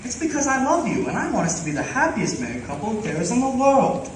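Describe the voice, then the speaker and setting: A woman's voice: on the high side, very animated, fast talker. A girl playing Nathan, a slick wheedling gambler. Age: teens. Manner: wheedling, slangy, comic. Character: smooth-talking gambler man, evasive fiancé. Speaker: student actor in school musical. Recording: echoey stage from far off, room noise.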